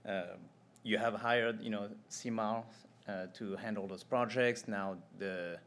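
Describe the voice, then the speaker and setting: A man giving a formal consultant presentation at a public meeting, explaining findings in a measured way with some fillers. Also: on the low side, steady tone, fairly bright tone, slight background noise.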